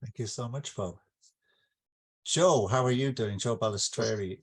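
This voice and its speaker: A husky, medium-pitched man from Ireland speaks a little slowly. He's an author hosting the launch of his book, giving an informal, reflective talk to an online gathering and explaining things with some hesitation.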